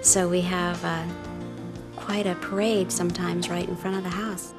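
Homeowner lady, lowish voice, easygoing, music behind. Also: flat delivery, moderate pace. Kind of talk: interview.

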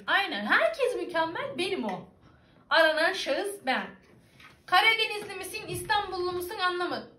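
A young woman with a bright, high voice and an Aegean Turkish lilt, chatting playfully and laughing as she answers her viewers. She talks into a computer webcam, and her voice rings in an echoey room at home. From İzmir, Turkey. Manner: playful, teasing, laughs often. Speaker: vlogger. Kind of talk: casual chat reading viewer comments.

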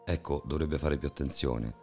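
A man's voice: a bass voice, normal speed, dark tone, soft background music. A man voicing a stern male building manager who talks in a formal, reproachful way.

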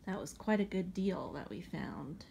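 A woman's voice: fairly low pitch, unhurried, creaky, warm tone, slight background noise. A woman casually chatting off camera, prompting her daughter with easygoing questions during a home video. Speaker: parent filming her daughter's toy haul.

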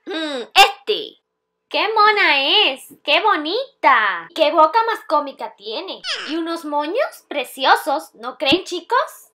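A woman hosting a children's toy surprise show in a bright, squeaky, sing-song welcoming manner, exaggerated for small children. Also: big pitch swings, slow. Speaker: children's channel host. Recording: music behind the voice. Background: music.

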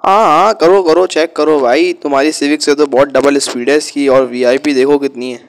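A man's voice: on the high side, steady tone, normal speed, slight background noise, natural voice. A man voicing a cocky, mocking male rival in an amateur game dub. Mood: taunting. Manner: boastful, mocking.

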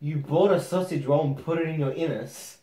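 A man's voice: on the high side, brisk, mellow. A man in his twenties with slurred, garbled speech from a mouthguard, playing a casual word challenge. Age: 20s. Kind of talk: casual party-game challenge banter. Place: small bare indoor room at a table. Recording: echoey room.

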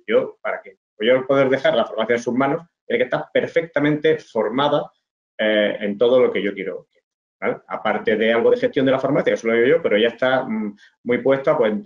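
A middle-aged man from Spain gives an informal online presentation over slides to pharmacy students, sitting indoors at a desk. His mid-range voice comes through a webcam video call with lo-fi sound, and he explains with many fillers and restarts.

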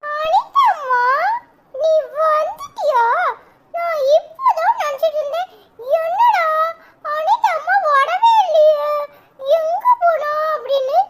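A woman's voice: very high-pitched, expressive, slight background noise, exaggerated voice. A woman with a Kanyakumari Tamil accent voicing whiny, tearful little boys in a cartoon. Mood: excited, tearful. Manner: whiny, sobbing, drawn-out. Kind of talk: cartoon voice acting.

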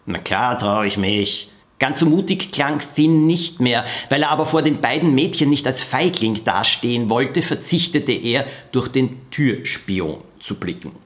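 A man reading aloud from his own children's novel in an expressive storytelling manner. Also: medium pitch, measured pace, few pauses. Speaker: author reading his book.

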